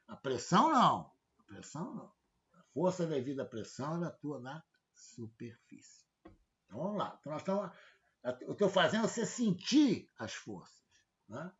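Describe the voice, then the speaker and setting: A man's voice: on the high side, sing-song, moderate pace. Guy lecturing casually, keeps asking "right?", bouncy voice, muffled audio. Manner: conversational, frequent "né?" checks, rhetorical questions. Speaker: professor. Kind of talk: informal lecture. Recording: dull lo-fi audio.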